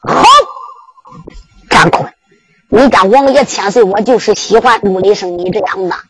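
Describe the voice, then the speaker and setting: A woman's voice: medium pitch, normal speed, heavy background noise, pitched below the performer's own voice, natural voice. A woman storyteller with a Henan accent voicing a stern, commanding old prince in a Henan zhuizi performance. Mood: approving.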